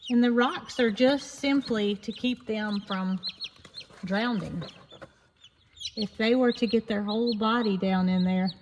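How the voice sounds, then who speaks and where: A woman's medium-pitched, somewhat dark voice moves at a measured pace as she chats folksily to viewers in her farm vlog. She's recording in an echoing barn, where birds and background noise are plainly heard.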